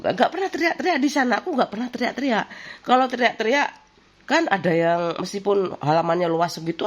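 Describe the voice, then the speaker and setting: A woman, chatting casually in a home kitchen as she cooks for her vlog, rambling through memories and laughing often. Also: deep voice. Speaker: vlogger.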